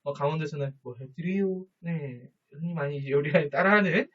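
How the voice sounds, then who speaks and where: A man teaching a high school social studies lesson in a casual, rambling way, with a Daegu Gyeongsang accent. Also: fast talker, fairly bright tone, highs cut off. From Daegu, South Korea. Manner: chatty, rambling, addresses students informally. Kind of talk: casual online lecture.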